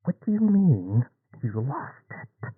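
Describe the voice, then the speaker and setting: A man voicing a stern male elf mission handler, talking gruffly over a radio-style doll. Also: fairly low pitch, very animated, a little slow, dry recording, phone-quality sound, heavily acted. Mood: alarmed. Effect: talking through a toy walkie.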